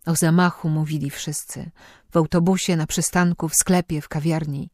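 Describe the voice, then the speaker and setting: Low-voiced woman narrating a story. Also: dry recording, clean studio sound. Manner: calm, measured storytelling. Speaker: audiobook narrator. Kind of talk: scripted narration.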